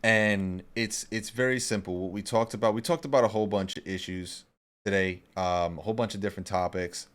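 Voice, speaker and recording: A man's voice: lowish voice, fairly even intonation, brisk, fairly bright tone. A man in his thirties co-hosting a podcast in casual chat, talking in an emphatic, profane, motivational way. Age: 30s. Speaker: podcast co-host.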